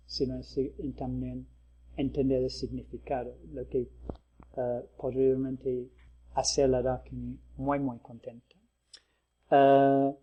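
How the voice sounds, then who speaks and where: A male Buddhist teacher giving a dharma talk in a measured, hesitant way, with frequent pauses. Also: mid-range voice. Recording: slightly dull lo-fi talk recording.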